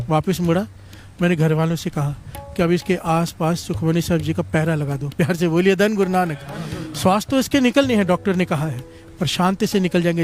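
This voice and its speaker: A man preaching a Sikh storytelling sermon, calling the congregation to answer back again and again. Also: high voice. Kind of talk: storytelling sermon with call-and-response.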